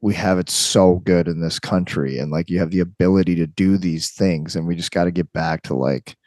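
Deep-voiced laid-back man, podcast co-host. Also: a little fast, darkish tone, dry recording. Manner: laid-back, slangy, upbeat. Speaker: podcast co-host and athletic trainer. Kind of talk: casual chat.

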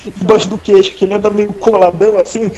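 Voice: mid-range voice, level tone, fast talker, mellow, lo-fi sound. A Brazilian co-host with São Paulo slang, explaining comics in casual chat, full of fillers like "tipo" and "sabe". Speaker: podcast co-host.

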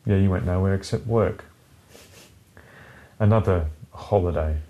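A man's voice: deep voice, a little slow, dull audio. A man co-hosting a podcast, chatting casually and sardonically and swearing freely. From Britain. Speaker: podcast co-host. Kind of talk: casual chat.

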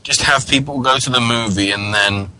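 A man's voice: mid-range voice, sharp tone, poor audio. A man co-hosting a radio talk show, chatting casually with a wry, joking manner. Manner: chatty, wry, quick to joke. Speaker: podcast co-host. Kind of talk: casual chat.

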